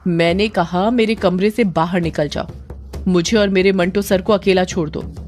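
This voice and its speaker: A woman voicing a young husband who angrily shouts and scolds in a storybook tale. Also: fairly low pitch, fairly even intonation, normal speed, soft background music, lightly acted. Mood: angry shouting. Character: angry young husband, bookish and harsh.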